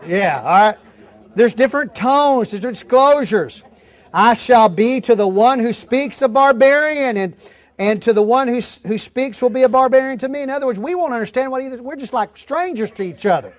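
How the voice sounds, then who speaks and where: Brisk and expressive, this very high-pitched male preacher works through scripture verse by verse, reading each one and explaining it. He delivers the sermon in a forceful, folksy, down-to-earth way.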